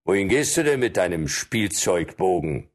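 A man voicing a mocking, boastful forester who jeers loudly at a boy, in an audiobook reading. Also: deep voice, sing-song, normal speed, faint music behind. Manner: loud, jeering.

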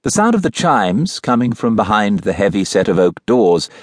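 A man narrating a mystery novel as an audiobook in a measured, even storytelling manner, recorded in a studio. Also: fairly low pitch, no room sound. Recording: dry, close studio recording.

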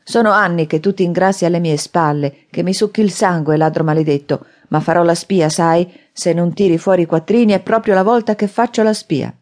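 Woman voicing a loud, furious drunkard. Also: lowish voice, fairly quick, few pauses, lightly acted. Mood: angry. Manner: loud, shouting, blustering. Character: drunken brawling man, furious and threatening.

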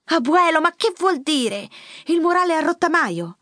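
A worried teenage girl presses with anxious questions, as a woman narrator voices her. The voice swings lively in pitch, and the recording is close and dry. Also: moderate pace, no echo, heavily acted. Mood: anxious questioning. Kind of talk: audiobook character voice.

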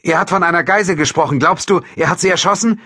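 A man's voice: mid-range voice, animated, normal speed, fairly bright tone, slightly rough, dry recording, clean studio sound, voice pushed up, heavily acted. A man voicing an urgent, commanding young female police officer in an audiobook. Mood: tense.

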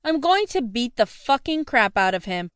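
A woman reads a first-person novel aloud, sassy and expressive, her pitch bouncing all over. Her voice is smooth and clear, set a little high. The recording is dry and close, with no room in it. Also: normal speed, no echo. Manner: sassy, sharp-tongued, expressive. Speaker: audiobook narrator.

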